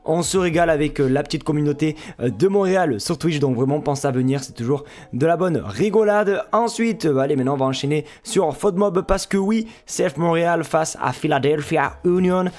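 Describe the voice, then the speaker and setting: A man's voice: a little high, fairly quick, hardly any pauses, a little mellow. A man from France with a French accent, casually talking viewers through a football pre-match analysis in a jokey, chatty way. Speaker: football fan YouTuber and Twitch streamer.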